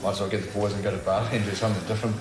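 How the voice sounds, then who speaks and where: Fast-talking young New Zealand man, roomy. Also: fairly low pitch, flat delivery, background noise. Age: 20s. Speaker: interviewee. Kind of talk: casual interview. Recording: roomy echo.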